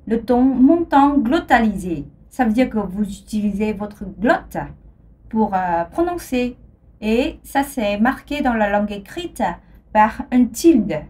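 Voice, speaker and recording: Slow, deliberate woman teaching a lesson. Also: fairly high pitch, expressive, darkish tone. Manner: slow, deliberate, repeats each example. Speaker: language teacher. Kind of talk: scripted language lesson.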